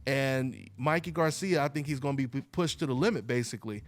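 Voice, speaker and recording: Fairly quick and mid-range, this male host runs a casual call-in boxing show. His talk wanders and is packed with "you know, man."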